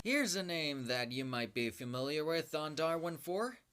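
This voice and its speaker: A speaker presenting a countdown in a horror-host manner, with theatrically spooky asides and dramatic pauses. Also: mid-range voice, animated, music in the background. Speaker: host of a top-ten creature countdown video. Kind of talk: spoken countdown commentary, semi-improvised.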